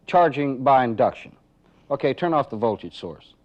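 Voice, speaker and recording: A man with a medium-pitched, animated voice speaks at a moderate pace, narrating methodically like a training film instructor. He explains each step of a live demonstration and poses rhetorical questions. The audio is dull and band-limited, typical of a 1980s training film.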